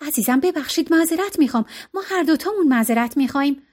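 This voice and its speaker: A woman voicing a flustered middle-aged wife who talks in a soft, earnest, apologetic way. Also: high voice, animated.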